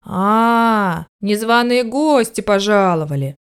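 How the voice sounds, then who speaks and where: A woman's voice: mid-range voice, lively intonation, slow pace, smooth. A woman voicing a grouchy grown male dog who grumbles and lectures sternly in a storybook reading.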